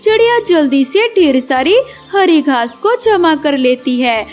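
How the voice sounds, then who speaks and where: A woman narrating a children's cartoon moral story in a measured, expressive way. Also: high voice, soft background music.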